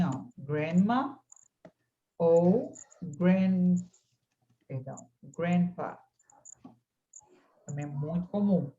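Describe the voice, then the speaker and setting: A woman's voice: on the low side, warm tone, lo-fi sound. A woman from Brazil teaching an online English class, patiently and encouragingly modelling words for her students over a video call.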